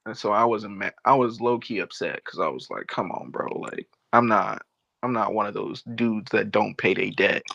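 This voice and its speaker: A man's voice: on the low side, normal speed, vocal fry, no room sound, muffled recording. A man telling a sports bet story with slang and laughter in casual chat. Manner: animated storytelling, slangy, laughs while talking. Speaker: podcast host.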